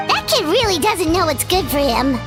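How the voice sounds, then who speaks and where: A woman voicing a tiny floating companion who is excitable and chatty and talks about herself by name. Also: extremely high pitch, moderate pace. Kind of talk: game voice acting. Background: music.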